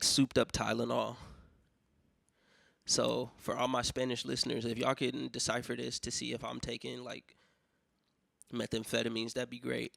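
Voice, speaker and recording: A young American man hosting a podcast, telling rambling profane stories in a casual solo monologue, sick with a cough, with loud mock outbursts. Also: medium pitch, creaky, dry recording, studio quality. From United States. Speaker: podcast host.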